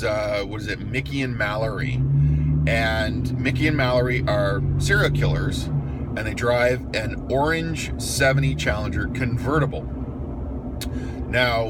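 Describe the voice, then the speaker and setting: Loud car and outdoor noise surrounds a man talking casually to camera. His voice sits at a medium pitch. He sounds like an opinionated car enthusiast, unscripted and matter-of-fact as he runs through his picks. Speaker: car enthusiast vlogger presenting a top ten list.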